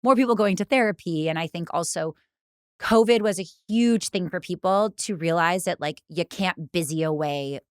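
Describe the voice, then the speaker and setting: A woman's voice: on the low side, moderate pace, clean tone, no echo. A woman co-founder of a fitness studio, talking in a casual, reflective way with many fillers. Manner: reflective, speaks in long flowing thoughts with many "like" fillers. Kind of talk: casual conversation.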